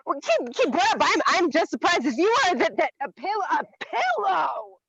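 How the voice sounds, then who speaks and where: A woman's voice: very high voice, sing-song, moderate pace, creaky, fairly bright tone, dull audio, heavily acted. A woman acting a defensive young woman caught faking, prone to stammering rambles. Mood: evasive. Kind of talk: audio drama acting.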